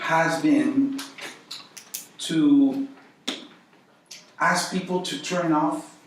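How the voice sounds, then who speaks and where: Echoey, high-voiced man with Guatemalan accent. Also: steady tone, drawn-out words. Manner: conversational, uses rhetorical questions and repetition for emphasis. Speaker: Bible study teacher. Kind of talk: informal teaching to a small group. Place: echoey indoor room. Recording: echoey room, distant mic, faint noise.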